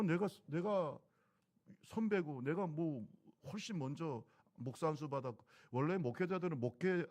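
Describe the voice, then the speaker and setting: In a church sanctuary, a middle-aged pastor preaches to his congregation in a conversational way, peppering it with rhetorical questions. His voice is fairly high, a little mellow, and has vocal fry.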